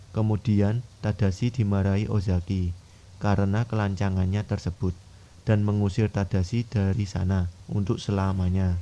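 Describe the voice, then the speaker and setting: Low, flat-toned male narrator. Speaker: film recap narrator. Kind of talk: scripted story narration. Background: music.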